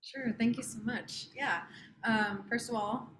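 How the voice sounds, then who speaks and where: A woman's voice: a little high, steady tone, a little slow. A woman in her twenties from southern Texas, casually presenting her art on a video call, earnest and full of fillers. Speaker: artist presenting her work. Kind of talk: informal artist talk over video call. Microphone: computer mic on a video call. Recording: echoey room with background noise.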